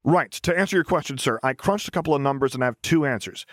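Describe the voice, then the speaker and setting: A man's voice: medium pitch, fast, a bit bright, no echo, clean studio sound, pitched above the performer's own voice, natural voice. A man voicing a cheerful, boyish young male engineer who talks in an upbeat, earnest way. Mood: eager.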